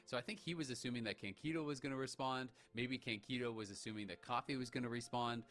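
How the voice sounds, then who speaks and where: A man's voice: mid-range voice, fast talker, a bit bright. A man working as an esports commentator, analysing a match in a conversational style.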